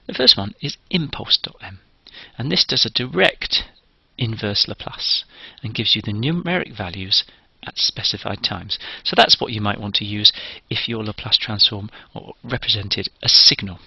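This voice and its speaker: Man, lecturer, methodical step-by-step explaining, husky gravelly voice, dull dry lo-fi recording. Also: lowish voice, moderate pace, hardly any pauses, pushed and bright, dry recording. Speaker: engineering lecturer.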